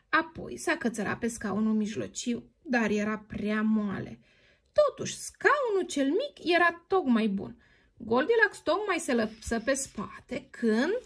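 Woman storyteller, expressive children's reading, animated and somewhat high. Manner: expressive, sing-song, playfully addressing the heroine.

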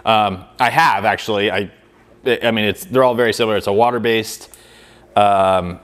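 A man's voice: on the low side, moderate pace, fairly bright tone. A man in his thirties hosting a car detailing channel, talking casually through a product comparison with lots of fillers, recorded in a garage workshop on a lapel mic. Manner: conversational, filler-heavy, demonstrative with hands.

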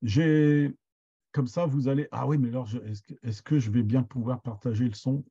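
A man's voice: mid-range voice, steady tone, moderate pace, warm tone, breathy edge, lo-fi sound. A middle-aged man teaching an online master class, hesitant and full of restarts. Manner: hesitant, many restarts and fillers. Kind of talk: online lesson, loose explanation.

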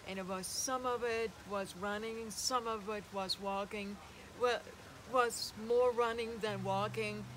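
A middle-aged woman chats casually to her phone in the open air. Her pace is unhurried and slow, and there is clear noise in the outdoor recording. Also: medium pitch, rough recording. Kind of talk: casual vlog chat. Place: outdoors in gardens and vineyards. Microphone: phone at arm's length.

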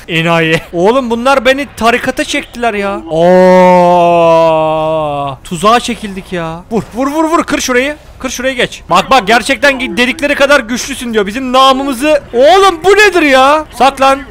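A young man with a Turkish accent giving excitable, joking commentary while playing a game, often shouting at the characters. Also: extremely high pitch, fairly quick, slight background noise. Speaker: gaming YouTuber. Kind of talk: let's play commentary.

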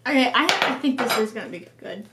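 A young woman with a high voice talks casually as a vlog co-host. The sound is echoey, from an indoor room at home. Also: animated, fast, noisy background. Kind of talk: casual chat.

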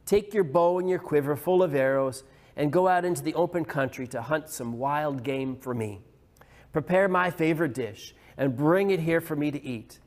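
A man reading the lines of an old, blind father quietly and slowly in a sermon. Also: on the high side, lightly acted. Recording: long hall reverb.

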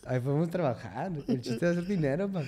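A man's voice: fairly high pitch, lively intonation, quick pace, dark tone, husky. A young man with a Mexican accent, a guest talking casually and crudely, full of slang fillers. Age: young adult. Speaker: guest musician. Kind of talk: casual interview chat.

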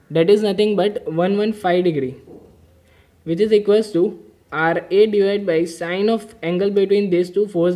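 Drawing diagrams as he goes, this man patiently walks through an engineering mechanics problem one step at a time in a whiteboard-style lesson. He speaks in a high voice with a dark tone.

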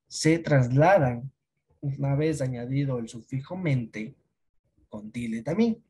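Teacher giving a patient online grammar class, dark and slightly husky voice, checks in with the class. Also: mid-range voice. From Ecuador. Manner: explains patiently, asks checking questions.

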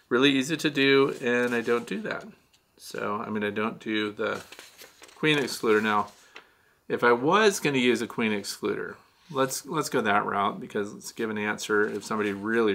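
A man in his sixties with a lowish, gravelly, slightly bright voice speaks at a moderate pace. He hosts a beekeeping Q&A show from a small, dim studio room lined with shelves, answering viewer questions casually and chattily, with lots of gestures and many "uh" fillers.

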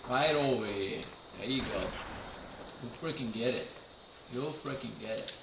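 Over game voice chat, a man puts on a New York accent to play a trash-talking tough guy, gloating, laughing often and calling his rivals mooks and goombas. His medium-pitched, near-everyday voice moves at a moderate pace. The audio is echoey with clear noise, picked up from a distant mic.

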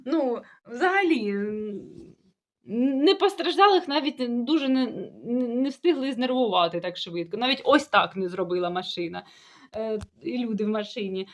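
A woman's voice: a little high, animated, moderate pace. A young woman with a sore throat, chatting casually to her viewers about everyday matters. She rambles and restarts, sounding puzzled. Her first language is Russian. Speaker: village-life vlogger. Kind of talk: casual talk to camera.

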